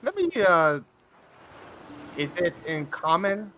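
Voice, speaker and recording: A man's voice: fairly high pitch, sing-song, slow pace, bright, forceful tone, slight background noise. A man chatting casually as a player in a tabletop role-playing game.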